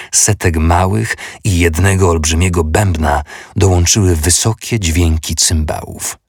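Deep, husky male narrator for a historical audiobook, steady delivery. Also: no room sound, clean studio sound.

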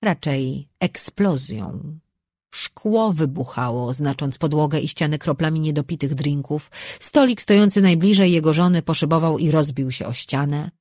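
Husky audiobook narrator reading fantasy. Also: mid-range voice, a little mellow, no room sound, studio quality.

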